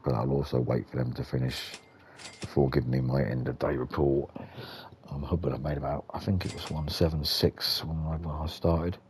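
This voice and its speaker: A man's voice: a bass voice, flat delivery, moderate pace, darkish tone, slight background noise. A British man giving rambling, understated, casual gameplay commentary as the host of a gaming video.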